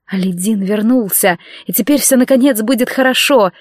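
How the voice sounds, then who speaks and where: A woman's voice: on the high side, moderate pace, no echo, clean studio sound. Woman reading a novel aloud. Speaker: audiobook narrator. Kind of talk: scripted narration.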